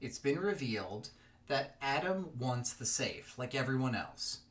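A man co-hosts a podcast in a relaxed, chatty way. His pitch swings widely and he fills his talk with little fillers. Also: a little slow. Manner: lively, chatty, many fillers. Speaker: podcast co-host. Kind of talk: casual chat about a fiction podcast.

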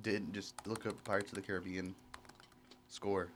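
A young man co-hosting a casual podcast game, dry and low-key, answering in short bursts. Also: little pitch movement, normal speed, a crowd in the background. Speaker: podcast co-host.

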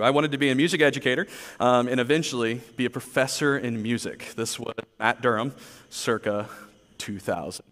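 A man's voice: mid-range voice, a bit bright, long reverb tail. A man preaching a sermon, telling personal stories in a conversational, earnest, self-deprecating way. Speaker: pastor.

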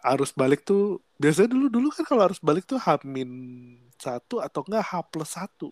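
A young man with a Jakarta accent co-hosts a podcast, chattering in relaxed Jakarta slang packed with fillers. His high voice is fairly quick and a little nasal from a cold, with no echo in the recording.

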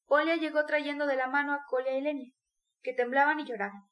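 A woman narrating a classic novel aloud in a measured, even storytelling voice. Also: high-pitched. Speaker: audiobook narrator. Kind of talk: scripted literary narration.

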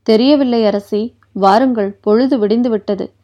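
Gentle young handmaid, soft-spoken and easily amused, fairly high voice, read by a woman narrator, lo-fi audio. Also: normal speed, natural voice. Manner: gentle, suppressing laughter. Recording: dull lo-fi recording.

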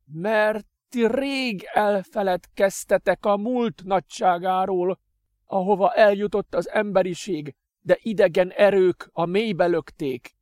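Guy doing a bitter dying master, high and loud, drags his words out in contempt, dry close sound. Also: no room sound, natural voice. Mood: defiant. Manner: shouting, slow and scornful. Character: bitter dying young master, man, hateful, scornful.

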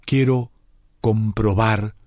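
A man's voice: lowish voice, fairly even intonation, extremely slow, a little mellow, no room sound, clean studio sound. A man doing a nervous, earnest old friend.

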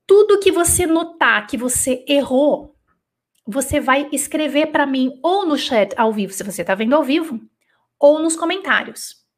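A woman teaching French in a live online lesson, dictating slowly and then explaining in chatty, easygoing Portuguese with lots of "tá?" checks. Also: sits high, animated.

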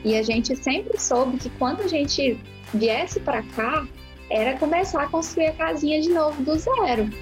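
A woman from Goiânia with a Goiás accent, a podcast guest who talks warmly and laughs easily. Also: sits high, lively intonation, measured pace, loud music behind the voice, rough recording. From Goiânia, Brazil. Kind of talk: casual podcast conversation.

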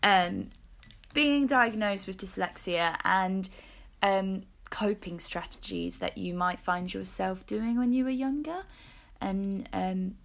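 A twenty-two-year-old British woman hosts a podcast in an informal, chatty way, often correcting herself mid-sentence. Her voice is medium-pitched and gravelly.

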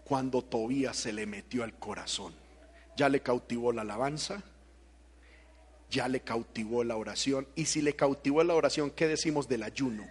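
A man preaching an impassioned evangelical sermon, shifting between loud shouted exhortation and quieter talk, driving points home with rhetorical questions. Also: mid-range voice, normal speed, breathy edge.

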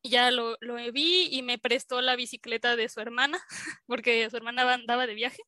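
Speaking at normal speed with fairly even intonation, a woman with a fairly high, bright, forceful voice is recorded dry. She is a young Mexican-accented scientist guesting on an interview, casually telling a story with lots of fillers and acted-out quotes.

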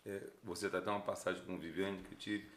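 A man hosting a casual podcast chat, speaking in halting phrases that he often restarts. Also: sits low, fairly even intonation, fairly bright tone, a little hiss or hum. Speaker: podcast host, store owner. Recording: roomy, echoey room sound.

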